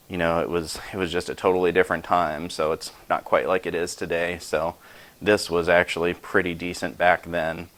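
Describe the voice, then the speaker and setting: A man's voice: low voice, fairly bright tone. A man in his forties casually showing off his collection at home, chatty and self-deprecating, with rambling asides. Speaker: YouTube host showing his sword collection. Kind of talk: casual show-and-tell vlog.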